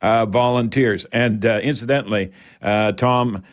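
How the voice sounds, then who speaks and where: An older Canadian man with a lowish voice speaks at a measured pace, keeping his intonation fairly even. As host of a home improvement call-in radio program, he rambles in a folksy, emphatic style and talks right to his audience.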